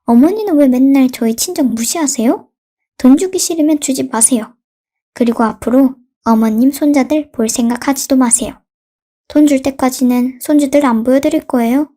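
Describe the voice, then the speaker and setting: A woman's voice: high-pitched, normal speed, dark tone. A woman voicing a demanding young daughter-in-law in a read-aloud radio story. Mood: indignant. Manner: demanding, indignant.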